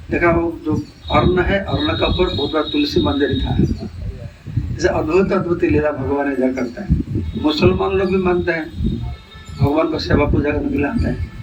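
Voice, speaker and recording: A monk preaches in an animated storytelling manner, acting out the people in his tales, his voice sitting a bit high for a man. The recording is dull and muffled, picked up from a distance, with loud constant noise under it. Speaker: monk giving a lecture. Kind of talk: storytelling sermon.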